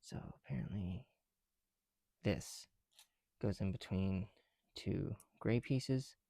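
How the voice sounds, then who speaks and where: Speaking through a heavy mask that leaves him somewhat out of breath, this young ASMR creator talks slowly in a low voice, often whispering, as he builds bricks indoors at home. His casual chat is rambling and self-deprecating, captured in a dry, clean studio-sounding recording.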